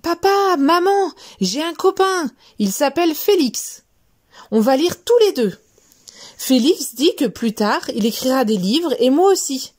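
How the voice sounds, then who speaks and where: A woman voicing an eager, polite little boy mouse in a storybook, chirpy and excited. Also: high-pitched, a little slow, pitched above the performer's own voice.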